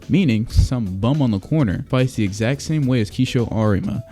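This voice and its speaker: A man's voice: on the low side, warm tone. A man giving an opinionated video game review, blunt and critical, in casual slangy speech. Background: music behind the voice.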